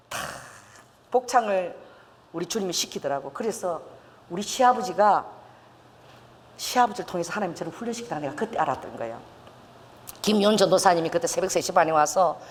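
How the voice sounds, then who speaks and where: An older woman pastor telling a lively testimony in a sermon, laughing and acting out quotes. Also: a little high, big-room sound. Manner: storytelling with laughs and acted quotes. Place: church sanctuary.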